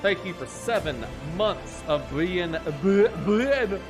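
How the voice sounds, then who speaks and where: A man in his thirties hosting a live gaming stream, jokey and hype, greeting chat and dropping into deep mock-spooky asides. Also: expressive, slow. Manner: hypey, jokey, shouts catchphrases, drops into a deep mock-spooky voice. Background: faint game music.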